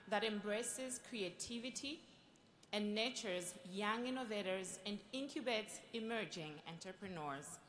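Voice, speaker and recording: A young woman delivers a slow, measured speech, her voice bright and sharp. It rings out in a large conference hall with long, roomy reverb and faint ambience behind her. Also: mid-range voice, a little hiss or hum. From Malawi. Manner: slow, deliberate oratory with pauses. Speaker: youth forum speaker. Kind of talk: formal prepared speech.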